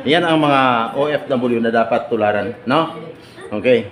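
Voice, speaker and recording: A man's voice: mid-range voice, moderate pace, crowd noise. A man giving a joking seminar talk to overseas workers, teasing and quizzing the audience and laughing often. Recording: echoey room with loud ambient noise.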